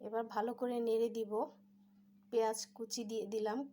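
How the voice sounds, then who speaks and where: A woman calmly narrating her home cooking step by step as host of a cooking channel. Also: fairly high pitch, fairly quick, slight background noise. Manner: calm step-by-step instructions.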